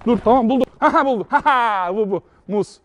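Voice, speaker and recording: A man's voice: very high-pitched, a little fast, a bit bright. A young man hosting a street prank video, talking in a cheeky, teasing, playfully evasive way. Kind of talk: street prank, casual chat.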